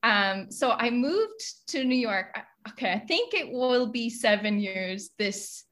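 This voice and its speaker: A woman's voice: fairly high pitch, very animated, slow, a bit bright. A woman around thirty from Galway with a west of Ireland accent, chatting casually and effusively as an interview guest. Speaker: podcast guest, social media professional.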